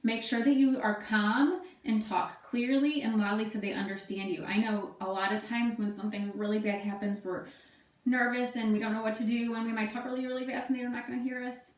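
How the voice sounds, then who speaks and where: A woman's voice: a little high, steady tone, brisk. Woman teacher talking through a lesson at home, kinda roomy and a bit far from the mic. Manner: casual, chatty, thinks aloud with fillers. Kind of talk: remote class lesson. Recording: echoey room, voice away from mic.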